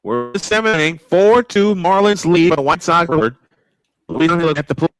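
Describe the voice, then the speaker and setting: An older fan announcer does brisk, old-fashioned baseball play-by-play, reporting pitches and counts and growing excited on tight plays. The recording quality is low.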